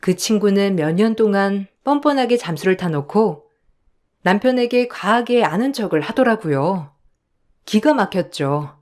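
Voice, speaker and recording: Indignant woman narrating a radio story. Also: mid-range voice. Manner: calm, indignant storytelling; sharp and scolding in her scene lines. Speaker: narrator telling her story as the wife.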